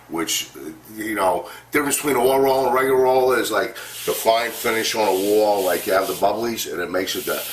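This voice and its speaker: A man's voice: fairly low pitch, far from the mic. A man who paints houses, explaining how to paint a ceiling in a loose, rambling way full of fillers, recorded by a camera in a living room under renovation. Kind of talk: casual how-to demonstration. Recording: roomy, off-mic, faint background hiss.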